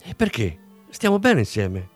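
A woman's voice: extremely low pitch, wildly swooping pitch, moderate pace, breathy edge, soft background music, full character voice. A man reading aloud, voicing a plaintive woman who pleads and sobs. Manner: plaintive, sobbing. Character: tearful woman in love, sulky.

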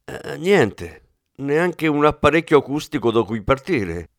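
A man's voice: mid-range voice, very animated, unhurried, no echo, pitched above the performer's own voice. A man reading an audiobook, playing a middle-aged police commissioner who talks in a dry, ironic way. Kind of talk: audiobook character voice.

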